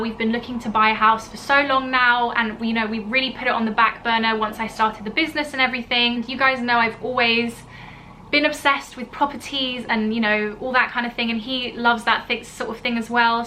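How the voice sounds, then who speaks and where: A young vlogger born in Italy and raised in the UK chats to camera about something personal, gushing and leaning on fillers like "you know". Her voice is on the high side with a sharp tone, and there's slight background noise.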